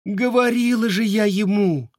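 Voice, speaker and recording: A man's voice: high-pitched, measured pace, no echo, clean studio sound, pitched above the performer's own voice. A man voicing an anxious peasant wife who laments and pleads. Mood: lamenting.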